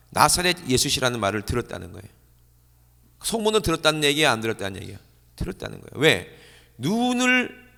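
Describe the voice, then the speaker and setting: A male pastor preaching a sermon, animated, asking the congregation questions and answering them himself. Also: medium pitch, vocal fry. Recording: church hall reverb.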